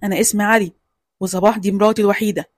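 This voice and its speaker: A woman's voice: medium pitch, steady tone, very fast, background noise, lightly acted. A woman voicing a brusque Egyptian husband. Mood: annoyed. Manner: brusque, dismissive. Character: middle-aged man denying he knows his daughters. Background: music.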